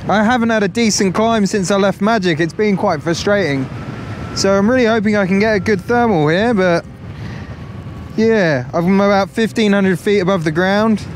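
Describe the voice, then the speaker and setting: In a high voice at normal speed, this paragliding vlogger in his thirties talks plainly and casually about what he's doing. His action camera records him outdoors, flying and in an open field, with wind and ambient noise.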